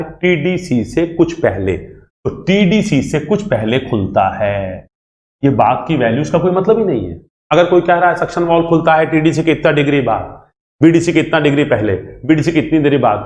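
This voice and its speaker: A man teaching an engineering exam class in a lively, repetitive way, acting out student questions and answering them himself. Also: a little high, normal speed. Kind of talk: classroom lecture. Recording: echoey room.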